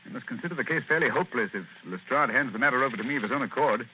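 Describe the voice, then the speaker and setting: A man's voice: mid-range voice, expressive, very fast, lightly acted. A man playing Sherlock Holmes as a gloomy, clipped and sardonic detective in a 1940s radio drama. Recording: tinny old radio broadcast with faint hiss.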